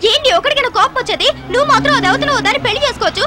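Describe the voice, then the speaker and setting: A woman's voice: very high voice, rapid-fire, very noisy. An actress playing a defiant, taunting young woman in a dubbed film. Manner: taunting and sharp-tongued. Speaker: film character.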